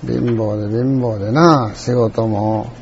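An older man with a Kansai accent telling a rambling, reflective story in a folksy way, often clearing his throat. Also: lowish voice, fairly even intonation, slow, dull audio, slight background noise. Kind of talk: reflective monologue.

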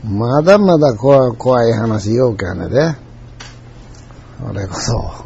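A man's voice: medium pitch, lively intonation, slow pace, creaky, dark tone, muffled recording, a little hiss or hum. An older man with a Kansai accent, telling old stories in a rambling way and chuckling now and then. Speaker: storyteller. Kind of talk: casual spoken reminiscence.

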